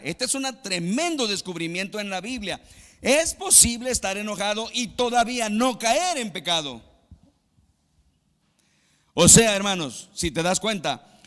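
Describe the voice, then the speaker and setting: In a large hall, a male pastor from Mexico preaches a sermon, swinging between loud, emphatic exclamations and quiet, low asides.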